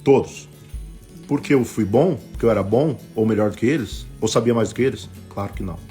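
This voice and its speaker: A man with a Brazilian Portuguese accent, a bishop preaching a sermon on a live stream, telling stories and acting out the voices in them, swinging between loud bursts and hushed asides. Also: fairly low pitch, fairly quick, soft background music. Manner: acts out quoted voices in his stories.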